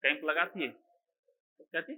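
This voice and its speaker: A male lecturer running an online exam-prep class in a bright, tense, slightly high voice. He throws questions at his students, answers them himself, and keeps checking that they are following. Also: slow pace, rough recording. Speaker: teacher.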